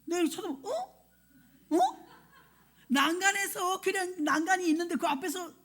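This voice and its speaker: A woman's voice: very high voice, brisk. A woman pastor giving a sermon, telling a personal story and acting out scenes and her own thoughts. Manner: animated, acts out scenes and quoted thoughts. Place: church sanctuary.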